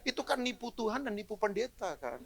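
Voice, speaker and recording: A middle-aged man preaching a live sermon as pastor to a church congregation, animated and joking, dropping to low asides then rising to loud exclamations. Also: brisk, creaky, slight background noise. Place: church hall, in front of a congregation.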